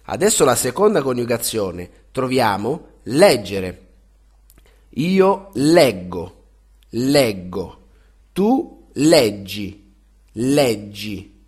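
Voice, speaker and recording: A man teaching a language lesson, saying each verb form twice with careful, clear enunciation. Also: mid-range voice, very animated, extremely slow, a little mellow. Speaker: Italian teacher. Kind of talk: slow, deliberate language lesson.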